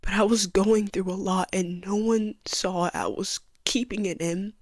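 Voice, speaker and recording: A young woman telling her personal story in a soft, halting voice that often sinks to a near whisper. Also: medium pitch, steady tone, no room sound, studio quality. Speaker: vlogger giving a personal testimony.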